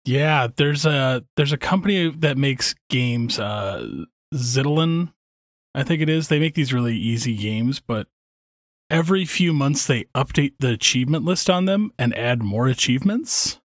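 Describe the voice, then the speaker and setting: A man's voice: mid-range voice, lively intonation, unhurried, dry recording, studio quality. Laid-back male podcast co-host. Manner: laid-back, hesitant with fillers. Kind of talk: casual podcast chat.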